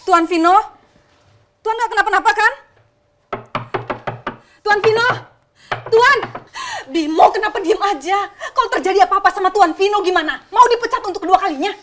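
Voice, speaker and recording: A woman's voice: very high-pitched, normal speed, long pauses, a bit bright, a little hiss or hum. An actress playing a fussy, chatty woman in a TV soap opera, talking with dramatic flair. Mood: coaxing. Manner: dramatic, fussing.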